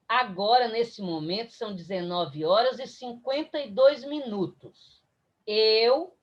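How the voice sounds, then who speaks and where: Through dull audio comes a slightly high female voice with a Brazilian Portuguese accent, giving an online spiritist lecture. She is emphatic and incisive, addressing her listeners head-on.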